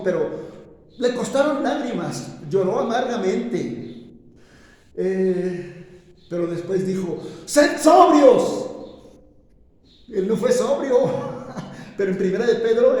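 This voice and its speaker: A man preaching a sermon in a dramatic way, rising to loud emphatic lines and dropping low again. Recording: echoey church hall with long reverb.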